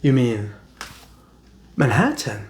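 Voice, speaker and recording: A man's voice: mid-range voice, sing-song, slow pace, slight background noise. A man doing a blunt New York guy. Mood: puzzled. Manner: blunt, calls everyone dude. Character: brusque New York man, casual and direct.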